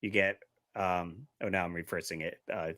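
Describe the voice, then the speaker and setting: A man's voice: low-pitched, fairly even intonation, normal speed, sharp tone. A man co-hosting a casual podcast, rambling and laughing as he loses his train of thought. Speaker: podcast co-host. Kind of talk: casual chat.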